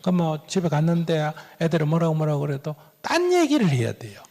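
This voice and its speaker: A man's voice: fairly high pitch, fairly quick. A man giving Buddhist advice in a question-and-answer talk, acting out dialogue with chuckles. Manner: lively, acts out dialogue, chuckles. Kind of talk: sermon-like Q&A advice. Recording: long hall reverb.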